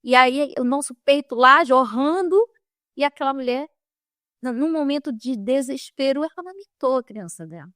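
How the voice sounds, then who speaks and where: Emotional Brazilian woman from Manaus, halting. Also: high voice, animated, fairly bright tone, no echo, clean studio sound. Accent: Northern Brazilian (Manaus). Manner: emotional, halting storytelling with many restarts. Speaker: interviewee. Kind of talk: personal testimony.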